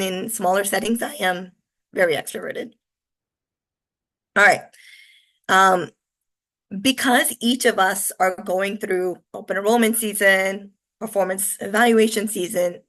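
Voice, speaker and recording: Hoarse woman in her forties with a gravelly, coarse voice, hosting an upbeat, chatty webinar over a video call. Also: medium pitch, fairly bright tone. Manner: chatty, upbeat, filler-heavy. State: hoarse from illness. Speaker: webinar presenter. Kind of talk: live online presentation.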